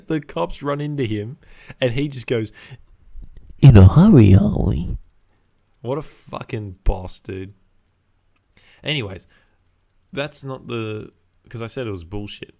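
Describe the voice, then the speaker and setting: A man's voice: medium pitch, unhurried. A young man casually ranting as a podcast host, with laddish slang, heavy swearing and exasperated repetition for emphasis. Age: young adult.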